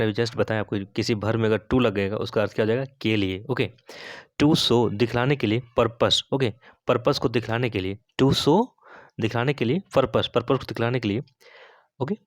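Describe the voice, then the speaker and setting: A man with an Indian accent and Hindi as his first language, teaching a spoken English lesson. He keeps asking "okay?" and reads English example sentences out very slowly. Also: mid-range voice, no room sound. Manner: repeats "okay?" and quizzes the viewer, drawing out English sentences slowly.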